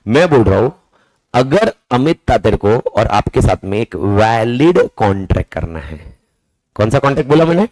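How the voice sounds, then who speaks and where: A man in his own voice teaching a class with an animated delivery, his pitch swinging widely from phrase to phrase. The sound is dry and close, with no room echo. He often throws questions at the class and answers them himself, drumming in key words. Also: moderate pace. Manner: casual, calls students "boss" and "brother". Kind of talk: lively classroom lecture.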